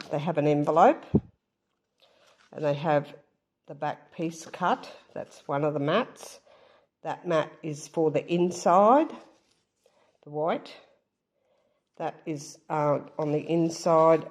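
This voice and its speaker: A woman's voice: deep voice, steady tone, slow, pauses often, a little mellow. A woman with a stuffed-up, nasal voice, chatting casually as she shows her craft work, with frequent ums. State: stuffed-up nose. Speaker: craft vlogger. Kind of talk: casual show-and-tell.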